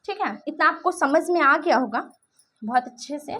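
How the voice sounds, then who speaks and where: High-voiced woman teaching grammar. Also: animated, normal speed, sharp tone. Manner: repetitive, checks understanding often. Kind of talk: explaining grammar lesson.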